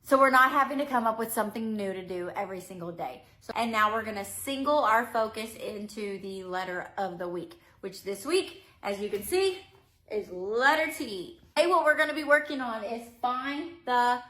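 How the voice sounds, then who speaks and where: A woman's voice: medium pitch, animated, moderate pace, bright, forceful tone. A woman with an American accent giving a preschool teaching demonstration, with simple step-by-step instructions and firm classroom rules. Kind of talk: teaching demonstration, addressing young children and fellow teachers.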